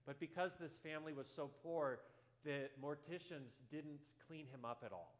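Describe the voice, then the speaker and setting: A male pastor preaching a sermon in a church, telling a story earnestly and going softer at tender moments. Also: a little high, normal speed. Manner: earnest storytelling, drops softer for quoted lines.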